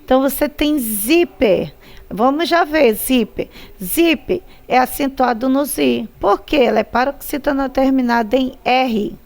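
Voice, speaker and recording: Slow, gravelly-voiced Brazilian woman teacher. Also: high voice. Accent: Brazilian Portuguese. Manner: drawn-out syllables, repeats words to stress them. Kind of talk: slow, patient classroom instruction.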